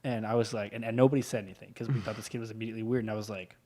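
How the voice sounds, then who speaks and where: A man's voice: on the low side, steady tone, racing, warm tone. A young man co-hosting a podcast, chatting casually, rambling through a story and laughing often. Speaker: podcast co-host. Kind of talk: casual chat.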